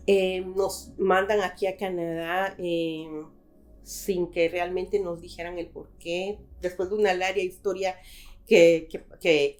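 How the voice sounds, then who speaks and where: A woman's voice: lowish voice, a little mellow. A middle-aged woman from Guatemala, a guest in a conversational interview, speaking thoughtfully with frequent hesitations.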